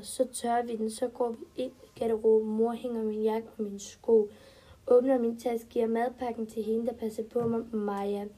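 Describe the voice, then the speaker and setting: A woman's voice: on the high side, warm tone, breathy edge. A woman reading a first-person children's story aloud in simple, short, step-by-step sentences.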